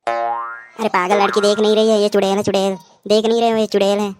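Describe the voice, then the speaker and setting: A woman's voice: mid-range voice, fairly quick, music in the background, natural voice. A woman voicing frightened, squabbling kids in a cartoon. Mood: panicky. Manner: panicky, squabbling. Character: jittery cartoon kids on a night camp. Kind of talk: cartoon dubbing.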